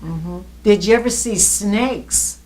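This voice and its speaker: A woman's voice: medium pitch, takes it slowly, warm tone. A woman conducting a conversational oral history interview, attentive, with murmured acknowledgements and follow-up questions.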